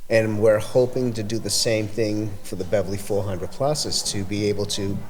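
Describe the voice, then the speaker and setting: A man with an Everett, Massachusetts accent talks as a community event organizer in a casual podcast chat. His voice is on the low side with fairly even intonation, and he rambles haltingly, restarting many times.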